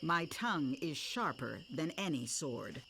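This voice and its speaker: A haughty sword master. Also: female voice, low-pitched, expressive, unhurried, creaky, fairly bright tone, a little hiss or hum, full character voice. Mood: disdainful. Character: haughty female sword master, cool and sharp-tongued. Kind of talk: video game voice acting.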